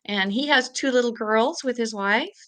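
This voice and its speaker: A middle-aged woman from the Czech Republic, a guest on a podcast. Her voice is bright and crisp, and she tells her story in a lively, chatty way. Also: on the high side, moderate pace. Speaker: guest, suicide prevention advocate. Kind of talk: podcast interview.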